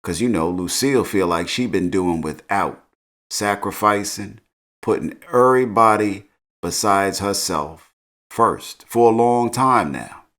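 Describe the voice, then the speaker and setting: A man's voice: lowish voice, measured pace, fairly bright tone. A middle-aged man recapping a TV episode in a laid-back, slangy storytelling way, chuckling as he goes. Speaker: TV recap host. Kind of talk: casual show recap.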